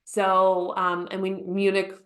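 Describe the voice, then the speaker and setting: A woman, a therapist who is a podcast guest, telling her story in a lively way and playfully acting out remembered lines. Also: mid-range voice, slow pace. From United States. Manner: lively storyteller who acts out quotes with laughter. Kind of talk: conversational storytelling interview.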